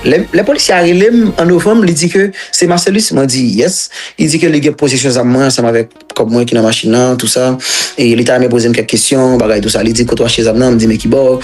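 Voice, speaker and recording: A man's voice: mid-range voice, fairly even intonation, quick pace, a little mellow, soft background music. A man from Haiti with a Haitian accent, recounting his own story as an interview guest in a rambling, repetitive way and mixing languages.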